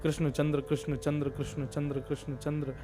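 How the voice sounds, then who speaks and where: A man voicing a simple village farmer who anxiously keeps repeating his mantra in a soft, low murmur so he won't forget it. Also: little pitch movement, a little fast, faint music behind, natural voice.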